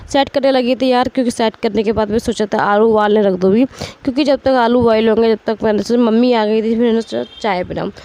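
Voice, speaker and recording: A woman in her thirties with a hoarse, strained voice from a cold, chatting casually as she narrates her household day. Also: mid-range voice, darkish tone. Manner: chatty, rambling, straining her throat to speak. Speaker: vlogger, homemaker. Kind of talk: casual voice-over narrating daily routine.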